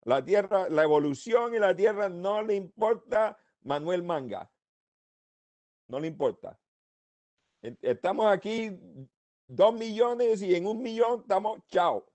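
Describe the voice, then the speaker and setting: A man from Colombia speaking, giving his views as a panelist in a seminar discussion in an animated, rambling way. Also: high voice, unhurried. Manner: animated, rambling, laughs between points.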